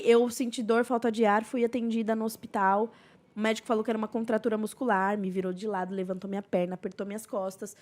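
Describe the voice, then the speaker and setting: A young woman recounts her personal story as a podcast guest. Her voice sits a little high, and her telling is earnest and emotional. She often softens into hushed passages. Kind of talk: personal testimony in a podcast interview.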